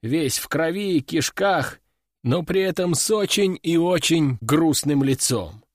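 Brief: male audiobook narrator, slightly high voice, dry close sound, wry delivery. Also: lively intonation, measured pace, no room sound. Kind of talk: scripted fiction narration.

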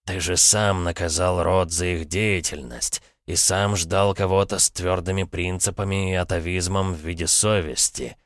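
A man's voice: deep voice, steady tone, moderate pace, few pauses, no room sound, studio quality, close to an everyday voice. A man voicing a sardonic male spirit who mocks his friend, in an audiobook. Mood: mocking. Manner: sarcastic, drawling.

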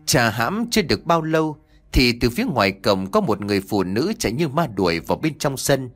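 A male storyteller narrates an audio story in a lively, expressive voice with plenty of pitch movement. Soft music plays faintly behind him. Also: fairly quick.

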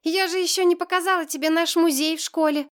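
A woman voicing an excitable little schoolgirl who squeals and gushes, in a storybook reading. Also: takes it slowly, heavily acted. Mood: tearful. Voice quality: squealing, shrill.

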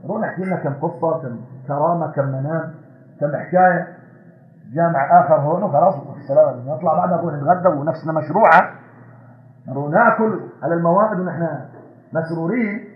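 A man preaching an impassioned sermon with rising, shouted repetitions. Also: fairly high pitch, fast, reverberant, narrow, tinny audio. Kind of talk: fiery Friday sermon.

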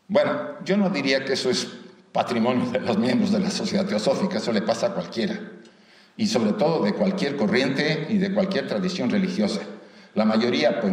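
A man with a Mexican accent gives a conversational spiritual lecture to a live audience, often asking them rhetorical questions and adding light humor. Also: mid-range voice. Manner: light humor mixed into the teaching. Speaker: lecturer at a theosophical society. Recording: roomy hall echo, voice from far off.

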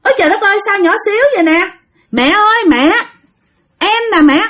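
A woman voicing an aunt possessed by a young man's spirit, blurting excited exclamations. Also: very high-pitched, a little fast, voice pushed up. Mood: astonished.

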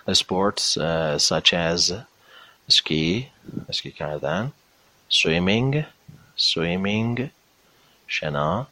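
A man teaching a language lesson, drawing out English example phrases slowly between brisker explanations. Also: deep voice, bright, forceful tone, dry recording. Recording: dull lo-fi recording.

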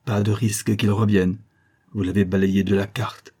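A man's voice: lowish voice, flat delivery, normal speed, warm tone, close to an everyday voice. A man voicing a plain-spoken, wry male companion in an audiobook. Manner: casual, wry.

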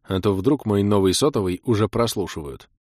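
A man's voice: fairly low pitch, expressive, fairly quick, darkish tone, no room sound, studio quality. A young man narrating a first-person audiobook with a wry, self-ironic tone.

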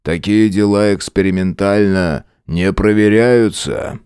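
A man voicing a bitter, hoarse older official who speaks slowly and grimly. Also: fairly low pitch, darkish tone, dry recording, studio quality, lightly acted. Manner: slow, grim and menacing.

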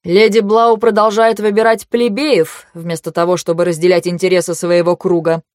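A woman's voice: fairly low pitch, little pitch movement, moderate pace, darkish tone, no room sound, studio quality, lightly acted. A woman voicing an irritable, haughty young male noble in an audiobook, speaking in a curt, scolding way. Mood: cold.

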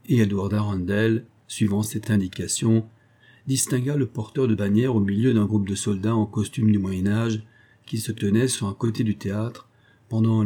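A man reading a classic novel aloud as narrator, in a steady, measured way. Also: fairly low pitch, slightly rough. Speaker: audiobook narrator.

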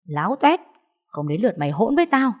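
A woman voicing a distraught, hot-tempered middle-aged mother who wails and shouts back, in a storybook reading. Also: lowish voice, expressive, moderate pace. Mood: scolding. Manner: wailing and defiant.

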